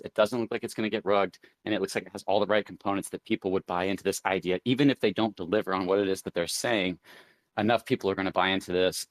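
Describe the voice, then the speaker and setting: A man's voice: sits low, no room sound. A man hosting a live crypto audio chat, rambling casually with many fillers as he thinks aloud. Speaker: crypto show host.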